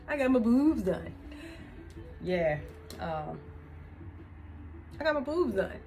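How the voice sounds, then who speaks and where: A woman's voice: fairly high pitch, big pitch swings, drawn-out words, long pauses, mellow, faint music behind. A woman in her fifties chatting casually to camera as a vlogger, laughing often between thoughts. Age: 50s. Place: indoors, room with music she turned off.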